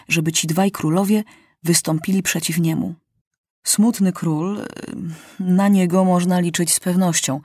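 A storybook narrator reading at an unhurried, careful pace, with a dry, close sound and a middle-range voice. The delivery is measured and expressive, giving weight to every sentence. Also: medium pitch, no room sound. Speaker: audiobook narrator.

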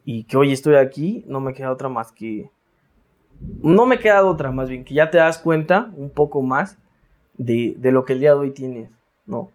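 A man's voice: medium pitch, normal speed, darkish tone. A Mexican man talking casually as an interview guest, slangy, with many restarts and tag questions. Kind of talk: casual reflective interview talk.

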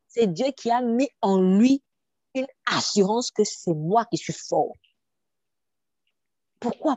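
Woman preacher, sermon, low-pitched, dark mellow tone, emphatic, rhetorical questions, dull dry recording. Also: no echo.

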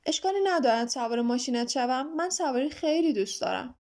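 A woman voicing a stern, impatient male watchdog with a ticking clock for a body, talking in a brisk, scolding way. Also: sits high, expressive, a little mellow.

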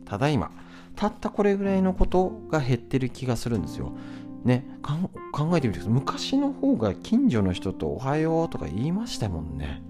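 A man hosting a solo podcast in a chatty, conversational way, often pausing with fillers and tag questions, and sometimes reading aloud from a book. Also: mid-range voice, wildly swooping pitch. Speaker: podcast host. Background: guitar music.

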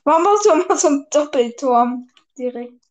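A woman's voice: high-pitched, animated, fairly quick, noisy background. A woman playing a shooter game with a friend, chatting casually in slang, teasing and often laughing. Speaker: gamer. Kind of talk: casual gaming chat.

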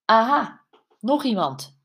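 A woman's voice: on the high side, big pitch swings, takes it slowly, a bit bright, husky, pitched above the performer's own voice, full character voice. A woman voicing a brusque, dismissive male police officer who speaks formally. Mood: curt.

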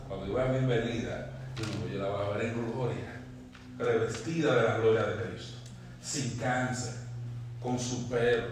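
A man's voice: medium pitch, far from the mic, a little hiss or hum. Fervent male preacher in an echoey church. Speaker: pastor. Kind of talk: sermon.

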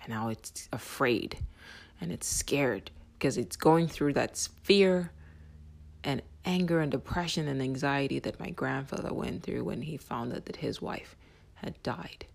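A vlogger giving an intense spiritual monologue with casual swearing, often dropping into soft whispers. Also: medium pitch, a little slow, creaky. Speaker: self-help vlogger.

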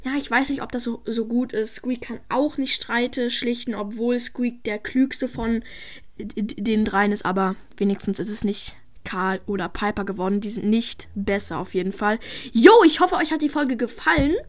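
A woman's voice: fairly high pitch, moderate pace. A girl narrating an improvised toy story and hosting her channel, stumbling over repeated syllables.

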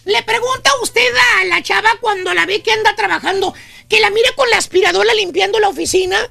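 A man with a Mexican Spanish accent, hosting a radio comedy show and telling a comic story in an exaggerated, squeaky way. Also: brisk, vocal fry, pushed and bright, dry recording. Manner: squeaky, exaggerated storytelling with calls to his "brothers".

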